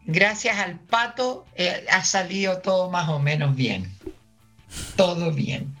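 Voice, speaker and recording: A woman's voice: fairly low pitch, animated, slow pace, a bit bright, faint music behind. Terse older woman on air. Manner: reticent, dry, terse. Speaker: radio guest, host's mother. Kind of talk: casual radio chat. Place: radio studio.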